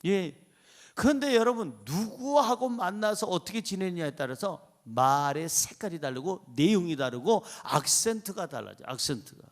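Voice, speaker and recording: A man preaching a sermon as pastor, animated and asking the congregation questions, with sudden soft asides between loud points. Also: high-pitched, moderate pace. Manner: asks the congregation rhetorical questions.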